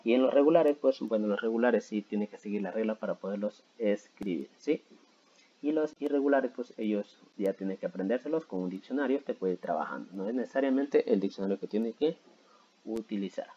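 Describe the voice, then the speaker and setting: Low, mellow-voiced man teaching grammar. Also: expressive, a little fast, dull audio, a little hiss or hum. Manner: patient, repeats himself with many "¿sí?" and "¿no?" check-ins. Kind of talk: explaining grammar to school students.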